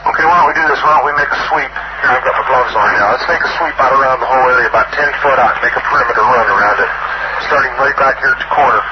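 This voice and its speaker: A man's voice: mid-range voice, very fast. An American man, a military officer, giving matter-of-fact instructions and field notes into a handheld dictaphone. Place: outdoors in a forest. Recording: muffled, very noisy old dictaphone tape.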